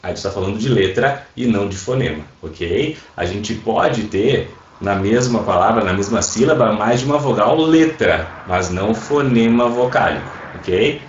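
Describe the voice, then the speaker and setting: A man's voice: on the low side, animated, moderate pace, few pauses. A man teaching an online class, explaining patiently and often checking that his students are following. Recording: roomy, dull sound. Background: airplanes passing overhead.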